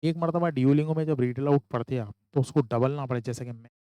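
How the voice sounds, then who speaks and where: A tired man teaching a casual spoken lesson as an English test tutor, slowing right down to read example sentences word by word. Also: medium pitch, mellow, clean tone, no room sound.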